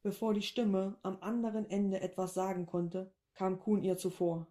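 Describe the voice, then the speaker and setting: Mellow-voiced woman reading a story. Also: medium pitch, flat delivery, moderate pace. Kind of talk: scripted narration of a short story.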